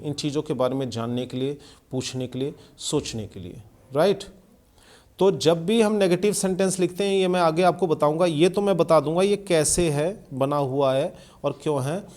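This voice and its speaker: A man with a voice on the high side and a darkish tone teaches English grammar in a video lesson. He explains slowly using examples and often checks that listeners are following.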